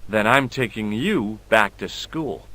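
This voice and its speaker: A man's voice: lowish voice, lively intonation, slow pace, bright, forceful tone, full character voice. A man voicing a wry male adventurer in a video game who questions people in a dry, sarcastic way. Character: wry adult male tourist sleuth, questioning a boy.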